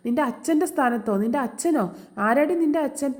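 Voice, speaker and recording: A woman's voice: sits high, brisk, a little mellow, pitched above the performer's own voice, natural voice. A woman voicing a haughty, stern mistress of the house who scolds a servant girl in a condescending way. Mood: scornful scolding.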